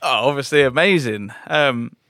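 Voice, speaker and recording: A man, a professional golfer guest, chatting casually in a relaxed way with many "like" fillers. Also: medium pitch, moderate pace, dry recording, clean studio sound. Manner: relaxed, fills with "like". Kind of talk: casual chat.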